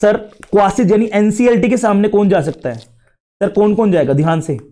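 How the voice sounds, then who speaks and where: A man with an Indian accent giving a casual classroom lecture, chatty and mixing English terms in, a bit unwell and low on energy. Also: normal speed, warm tone. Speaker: teacher.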